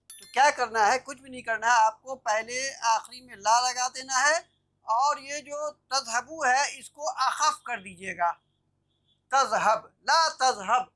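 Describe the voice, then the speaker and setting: High-voiced woman teaching an online class. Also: pushed and bright. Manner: explanatory, checks understanding with "theek hai na". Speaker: Arabic grammar teacher. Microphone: video call.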